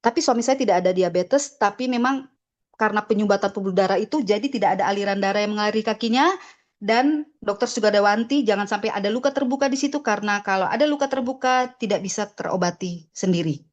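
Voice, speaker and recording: A woman's voice: mid-range voice, fast, highs cut off. A middle-aged woman giving a personal church testimony, telling her story with feeling and acting out remembered conversations.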